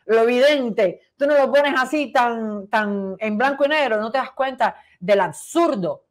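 A woman's voice: on the high side, measured pace. A Cuban woman co-hosting a casual chat show, laughing often and reading viewer comments aloud. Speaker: co-host.

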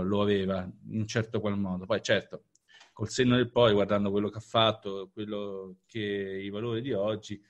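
A man co-hosting a casual panel podcast, speaking in a measured way and hedging with frequent fillers. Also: fairly low pitch. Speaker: podcast co-host.

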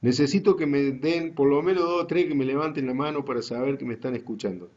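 Hombre argentino que da clase despacio, audio apagado. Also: male voice, mid-range voice, darkish tone, lo-fi sound. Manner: slow, deliberate explaining to students. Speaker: university GIS teacher. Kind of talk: online class lecture.

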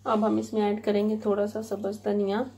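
A woman walks through a recipe in a plain, unhurried voice that stays level in pitch. Her phone recording picks up loud sizzling and stirring from a home kitchen. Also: completely flat delivery. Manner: plain, unhurried instructional delivery. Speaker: cooking channel host. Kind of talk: step-by-step recipe voice-over. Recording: loud cooking noise behind voice.

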